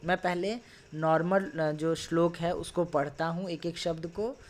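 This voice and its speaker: A man teaching a Sanskrit class online, patiently explaining and sounding out words slowly, syllable by syllable, with frequent tag questions. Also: fairly high pitch, steady tone. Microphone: video call.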